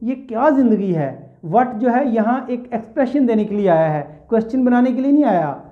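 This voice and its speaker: A man teaching an English poem, mixing Urdu and English and reading the verse lines slowly. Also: very high voice, expressive. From Pakistan. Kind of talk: poetry lecture. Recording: tinny phone-like audio.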